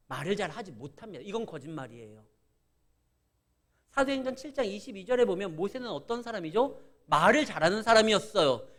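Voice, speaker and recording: A middle-aged man preaches a sermon with a Chungcheong Korean accent. His voice sits high and leaps up and down as he acts out the people in his stories. He tells them with animated, conversational energy. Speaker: pastor.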